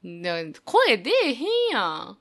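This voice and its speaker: A woman with a Kansai accent co-hosting a podcast, answering teasing with quick, defensive retorts. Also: fairly low pitch, sing-song, vocal fry, a bit bright. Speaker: podcast co-host. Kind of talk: casual comedic banter.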